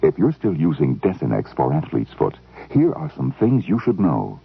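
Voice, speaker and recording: A man with a husky, gravelly voice reading an emphatic hard-sell radio advertisement. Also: extremely low pitch, huge pitch swings, normal speed, faint music behind. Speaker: commercial announcer. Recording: tinny, dry radio broadcast.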